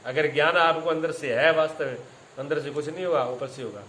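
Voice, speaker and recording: A man's voice: fairly high pitch, brisk, sharp tone, echoey room, slight background noise, rough recording. A man giving a spiritual discourse as a teacher, telling stories with acted quotes and repeating his phrases.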